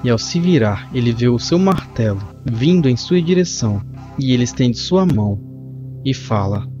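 A man narrating a comic book as a reader, describing the panels in steady storytelling. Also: medium pitch, moderate pace. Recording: muffled lo-fi with faint music.

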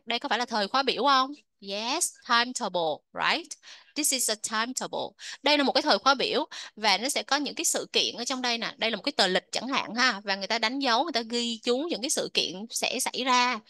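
Bright-voiced woman English teacher. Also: fairly high pitch, no room sound. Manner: asks questions, drills pronunciation slowly. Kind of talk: textbook lesson explanation.

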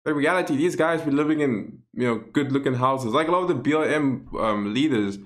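A man's voice: mid-range voice, fairly quick. A man hosting his own vlog, giving casual, sarcastic opinion commentary straight to his viewers. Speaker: vlog host.

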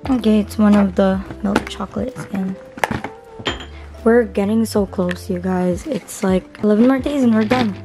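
A young woman chatting casually to camera in a vlog, her voice hoarse and partly gone. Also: medium pitch, moderate pace, over music. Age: young adult. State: voice partly gone after a party. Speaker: vlogger. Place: small bedroom, indoors. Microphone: camera at arm's length.

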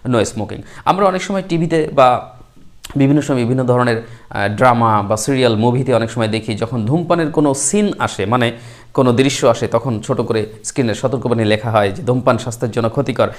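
A man teaching spoken English, explaining each sentence and repeating the English phrases slowly, sometimes spelling words out letter by letter. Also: medium pitch.

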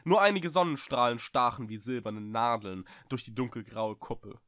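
Expressive German-reading man, dry sound. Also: mid-range voice, normal speed, no room sound. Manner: expressive, vivid. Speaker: audiobook reader. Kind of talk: dramatic storybook reading.

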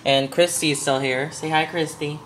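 A woman's voice: low voice, fairly even intonation, normal speed, slight background noise. A young woman chatting casually as she cooks in her home kitchen for a vlog, rambling and giggly. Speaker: cooking vlogger.

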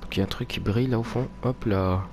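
A man's voice: on the low side, fast talker. A man doing casual, jokey, rambling let's play commentary as a spooked, grumbling horror game streamer who swears a lot. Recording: noisy home game recording. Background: horror game ambience.

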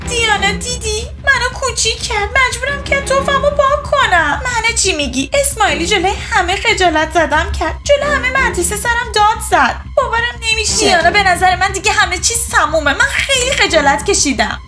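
A chatty, sassy young schoolgirl speaks in a very high, piping voice. She is dramatic and quick to take offence in this dubbed kids' video drama. Clear music plays behind her. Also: expressive. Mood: upset. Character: lively young schoolgirls Diana and Yana. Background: background music.

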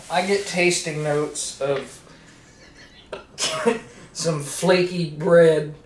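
Laid-back slow-talking man in an echoey room. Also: a little high, slight background noise. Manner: rambling, laughs often, restarts mid-sentence. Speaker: co-host of a whiskey review channel. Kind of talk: casual whiskey tasting chat. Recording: echoey room, mic at a distance.

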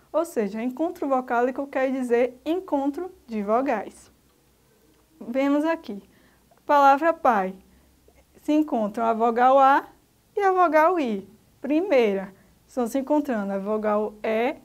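A Brazilian woman teaching a recorded grammar lesson, her voice sitting high. She speaks slowly and didactically, naming each letter one at a time for young pupils. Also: a little mellow. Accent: Brazilian Portuguese.

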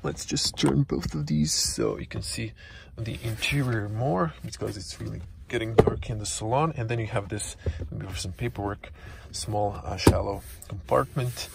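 Low-voiced young man with Croatian English. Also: lively intonation, gravelly, heavy background noise. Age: young adult. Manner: halting, many fillers, non-native phrasing. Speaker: car reviewer. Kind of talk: casual walkaround car review. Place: car dealership showroom, inside a car. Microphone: handheld camera close to face.

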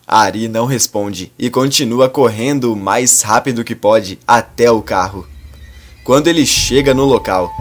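A man reads a scripted soap opera recap with dramatic storytelling. His voice sits at a middle pitch. Faint music plays behind him. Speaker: narrator.

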